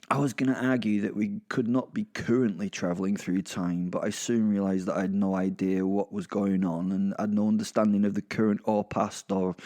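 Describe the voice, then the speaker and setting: This is a fairly low, mellow male voice with a British accent. He delivers a first-person horror audio drama as conversational storytelling, wry and chatty with sweary asides.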